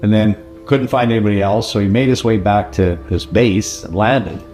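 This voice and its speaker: A man calmly retelling a veteran's story as a documentary narrator. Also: lowish voice, moderate pace, soft background music.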